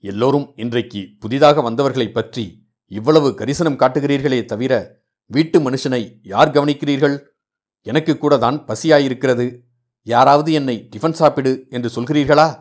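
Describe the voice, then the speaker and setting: A man voicing a sharp-tongued, indignant teenage schoolboy in a read-aloud novel, his complaints raised and teasing. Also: mid-range voice, normal speed, lightly acted.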